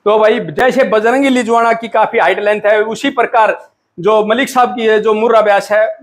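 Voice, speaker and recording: Host, male, Indian, high-pitched, folksy farm-video presenter. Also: steady tone, moderate pace. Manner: folksy, addresses viewers as brothers. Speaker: host of a buffalo farming channel. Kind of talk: casual farm interview.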